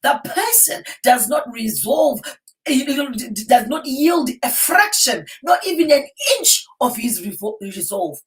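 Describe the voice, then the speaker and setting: Lady preacher doing a rallying motivational sermon, high voice, really emphatic, says lines over again, mic sounds distant. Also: very animated, unhurried. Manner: emphatic, rallying, repeats phrases for effect. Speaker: motivational preacher addressing a live online audience.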